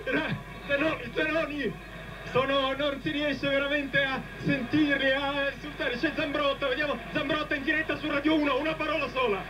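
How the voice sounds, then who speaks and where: A male pitch-side radio reporter giving excited, urgent live football coverage from a stadium touchline. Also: moderate pace. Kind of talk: live sideline reporting and commentary. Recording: noisy outdoor radio link from stadium.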